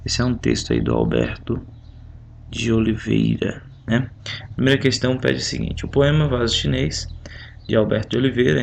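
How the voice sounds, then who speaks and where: A man's voice: medium pitch, a little hiss or hum. A male teacher with a Brazilian Portuguese accent going over a literature test step by step in a recorded home lesson, counting out syllables aloud. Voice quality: gravelly.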